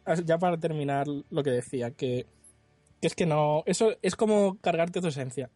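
A man's voice: on the high side, moderate pace, mellow, no room sound, faint music behind. A man with a Spain Spanish accent co-hosting a casual comedic chat, joking and putting on mock foreign accents between laughs. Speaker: podcast co-host.

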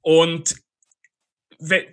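A man's voice: a little high, flat delivery, very slow, smooth. A Swiss man with a Swiss German accent, a guest in a casual podcast interview, chatty and full of fillers and laughs. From Switzerland. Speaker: guest, online marketer.

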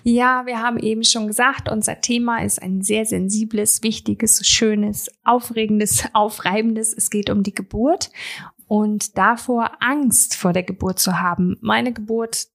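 A woman's voice: on the high side, steady tone, measured pace, gravelly. A woman in her thirties hosting a podcast interview, chatty and addressing her listeners directly. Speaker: podcast host.

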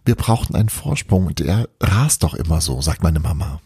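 Brief: a sheepish young witch woman, hesitant and wavering, husky tone, man voicing her. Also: rumbling low, lively intonation, moderate pace, warm tone, no room sound, clean studio sound, exaggerated voice.

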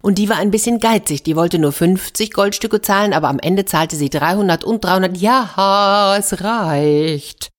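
A woman hosts a children's story podcast, telling fairy tales and talking straight to her young listeners. Her voice sits low and has a husky edge. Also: a little fast, few pauses. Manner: warm-hearted, addressing children directly.

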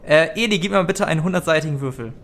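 A man's voice: a little high, rapid-fire, a bit bright. A man narrating a tabletop role-play as game master, with some noise behind him.

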